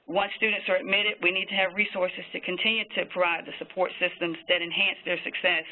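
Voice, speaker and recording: High-voiced man speaking over a phone line. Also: little pitch movement. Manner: measured, with frequent fillers. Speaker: physician panelist. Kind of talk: prepared webinar remarks. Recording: tinny phone-line audio.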